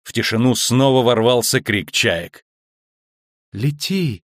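Man, low voice, measured audiobook narration, dry sound. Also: no room sound. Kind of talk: scripted narration.

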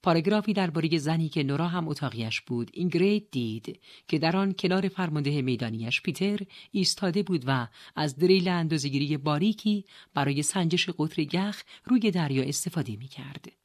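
Woman, audiobook narrator, steady measured reading, lowish pitch. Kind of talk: scripted narration.

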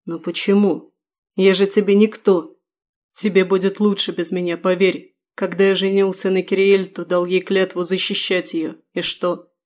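A woman's voice: mid-range voice, moderate pace, natural voice. A woman voicing a bitter condemned prisoner. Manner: flat, hollow voice.

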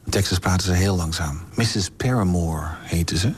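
A man telling a personal anecdote on radio in a lively, vivid way. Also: sits low, normal speed, breathy edge. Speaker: storyteller. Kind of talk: radio storytelling.

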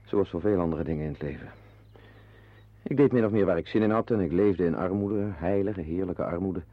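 A man speaks a little fast in a low voice without echo, playing a henpecked husband in an old Dutch radio play who confides in the listener. The wry, brooding character, an animal-loving former artist, sounds musing and rueful, and the recording is muffled and band-limited.

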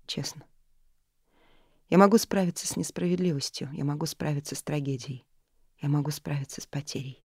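A guarded young woman full of fear, put on by a woman reading a novel, often dropping to a breathy whisper. Her voice is low and mellow. The recording is dry and close. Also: a little fast, long pauses, no echo. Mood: pleading. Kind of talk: audiobook character reading.

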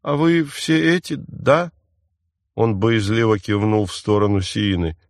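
A man's voice: fairly low pitch, dry recording, studio quality. A man reading an audiobook voices a frightened, defiant boy thief who whines and snaps back. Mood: wary. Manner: squabbling, whining, quick to snap back. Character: scrappy scared boy thief, defiant and whiny.

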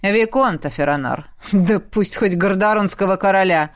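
A woman's voice: normal speed, lightly acted. A woman voicing a cruel, cold-hearted male emperor who wields ice magic. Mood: cold menace. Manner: low, cold and menacing.

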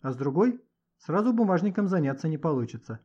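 A man narrating a children's story in an expressive, scripted reading. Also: on the high side, quick pace. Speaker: audiobook narrator. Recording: dull lo-fi recording.

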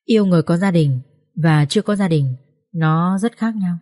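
A woman narrating a social drama audiobook in a steady, emotive storytelling manner. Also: lowish voice, moderate pace.

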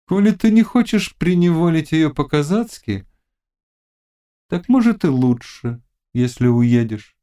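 A man voicing a fierce, mocking young witch and fortune-teller in an audiobook, chanting incantations in a high, loud voice. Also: lively intonation, a little slow. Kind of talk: audiobook character reading.

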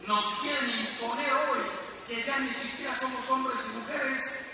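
A middle-aged Mexican priest with a Mexican accent, giving an emphatic talk to a live audience as a storyteller who uses rhetorical questions. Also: male voice, extremely high pitch, steady tone, measured pace. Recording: echoey hall, distant mic, faint hiss.

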